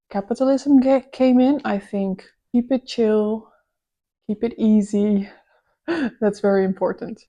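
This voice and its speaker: Woman, 30, mellow voice; rambling self-deprecating vlog chat with frequent laughs. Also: mid-range voice. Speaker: vlogger. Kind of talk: casual reflective chat to camera.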